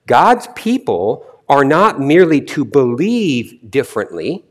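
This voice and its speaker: Slow, lively-pitched preaching man. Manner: deliberate, emphatic with rising stresses on key phrases. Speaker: pastor. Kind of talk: sermon.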